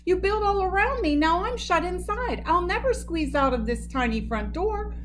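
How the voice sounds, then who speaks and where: A woman voicing a bossy male moose who barks orders and complains loudly, in a storybook read-aloud. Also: very high-pitched, expressive, moderate pace, a little hiss or hum, voice pushed up. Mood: whining. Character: bossy bull moose, demanding and whiny.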